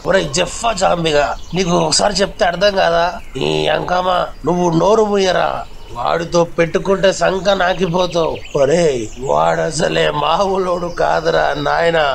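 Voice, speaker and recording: A man's voice: a little high, steady tone, moderate pace, vocal fry. A man voicing a worried male zombie sidekick in a cartoon, scolding and pleading with his reckless friend. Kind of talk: cartoon voice acting.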